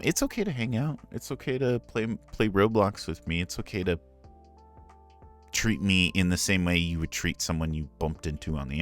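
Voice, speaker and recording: A man's voice: low-pitched, fairly bright tone. A man who streams and voices ASMR, talking candidly and earnestly in a casual live Q&A, rambling with frequent asides.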